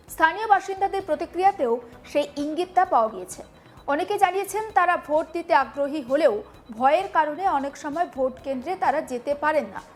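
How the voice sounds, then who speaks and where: A woman news anchor, presenting a news report. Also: high-pitched.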